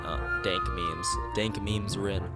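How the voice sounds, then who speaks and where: Over loud music, a young man with a low-pitched, steady voice slowly reads a visual novel's text aloud on a casual stream. He rambles off into asides and stumbles over lines.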